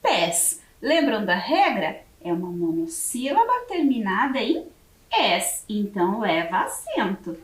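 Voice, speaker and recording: A Brazilian woman teacher with a Brazilian Portuguese accent, leading a word game for young children on a TV lesson and slowly spelling each word letter by letter. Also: mid-range voice, huge pitch swings, reverberant, far from the mic. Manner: slow, spelling words letter by letter. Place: classroom studio for educational TV.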